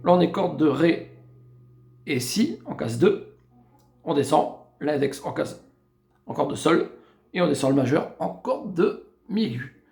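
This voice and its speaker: A man's voice: a little high, big pitch swings, vocal fry. A man teaching guitar, explaining chords step by step and counting beats as he plays. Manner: slow step-by-step explaining, counting beats and singing snatches while playing. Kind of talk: guitar tutorial. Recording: echoey room with loud guitar.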